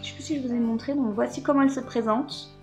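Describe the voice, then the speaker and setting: A woman's voice: on the high side, fairly even intonation, quick pace, dark tone, soft background music. A woman chatting casually to her viewers while unboxing beauty products, with many hesitations and fillers. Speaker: beauty box unboxing vlogger. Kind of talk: casual unboxing chat to camera.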